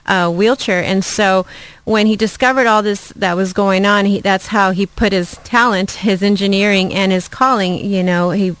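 A woman from Ecuador, a charity development officer, answering interview questions earnestly with frequent "uh" and "um" pauses. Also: mid-range voice, fairly even intonation, a bit bright, clear, resonant tone, no room sound, low-quality recording. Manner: earnest, many fillers and restarts.

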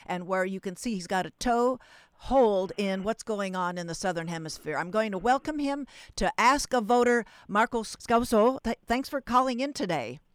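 A woman's voice: medium pitch, clear, resonant tone, dry recording. A woman hosting a call-in radio show, talking in a chatty, rambling way with many restarts.

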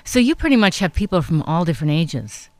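Chatty woman interviewer, slightly low voice. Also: very animated, fairly quick, a little mellow. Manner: chatty, reacts with short echoes and interjections. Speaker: radio interviewer. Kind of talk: conversational interview.

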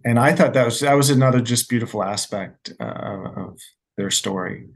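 A man's voice: mid-range voice, moderate pace, creaky. A man directs documentaries and appears as a guest on a radio interview. He answers earnestly, telling stories and leaning on fillers as he recalls his experiences. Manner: earnest, storytelling, frequent fillers.

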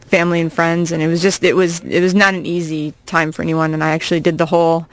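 A woman in her forties from Iowa, a comedian guest chatting casually on a radio show, quick-witted and laughing often with animated punchlines. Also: deep voice. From Iowa, USA. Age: 40s. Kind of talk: casual radio interview chat.

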